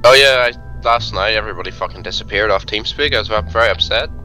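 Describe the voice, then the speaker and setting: A man's voice: fairly low pitch, quick pace, sharp tone, faint music behind. A man chatting casually while playing a game, joking and swearing a lot. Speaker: gaming channel co-host. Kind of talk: casual gaming chat.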